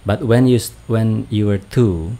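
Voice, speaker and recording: A middle-aged man with an Indonesian accent hosts a casual podcast chat with his daughter, laughing often and filling his speech with fillers and restarted phrases. His voice is fairly low and dark, at a measured pace. He records in a small home studio lined with bookshelves, using a boom-arm studio mic and wearing headphones.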